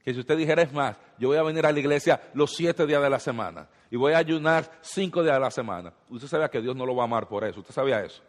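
A man's voice: medium pitch, fast talker, hardly any pauses. A man preaching a sermon as pastor, addressing the congregation with rhetorical questions and repeated phrases. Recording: long hall reverb.

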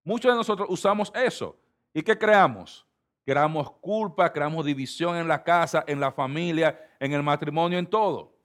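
A middle-aged man from the Republic, preaching a sermon with emphatic swings between loud and soft delivery. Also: fairly high pitch, moderate pace. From Dominican Republic. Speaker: pastor.

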